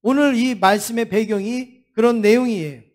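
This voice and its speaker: Male pastor, high-pitched voice, earnest sermon delivery, asks the congregation questions, acts out pleading cries. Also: normal speed. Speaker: senior pastor. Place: church sanctuary.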